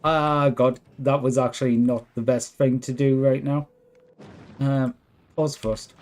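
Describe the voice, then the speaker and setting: A man's voice: mid-range voice, level tone, a little slow, a little mellow. A man streaming a video game, chatting casually in a self-deprecating way. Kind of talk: casual livestream chat while gaming.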